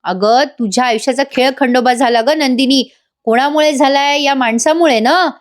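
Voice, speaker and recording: A woman's voice: sits high, moderate pace, close to an everyday voice. A woman voicing an angry, stern father scolding his family. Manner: scolding, raised voice.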